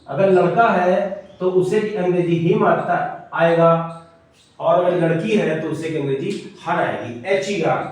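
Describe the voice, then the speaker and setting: A man's voice: sits high, darkish tone. A man teaching English grammar in a classroom lesson, explaining step by step, spelling words letter by letter and checking in with his listeners. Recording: very echoey room, mic far off.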